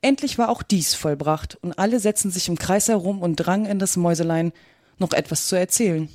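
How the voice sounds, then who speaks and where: A woman narrating a children's storybook in a measured, expressive reading. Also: fairly low pitch, no echo, studio quality. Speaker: audiobook narrator.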